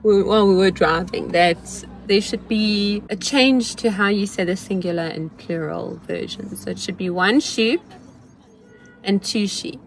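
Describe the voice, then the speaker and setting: A woman's voice: medium pitch, measured pace, a little hiss or hum. A woman in her forties with a South African accent, chatting playfully to the camera during a road-trip vlog from inside a car, filmed on a phone held at arm's length. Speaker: vlogger. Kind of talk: casual travel vlog. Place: inside a car at a petrol station.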